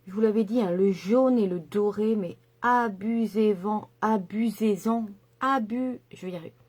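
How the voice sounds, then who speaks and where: A woman's voice: mid-range voice, brisk, dark tone. A middle-aged woman chatting enthusiastically through a makeup tutorial, with lots of fillers and asides. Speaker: makeup vlogger.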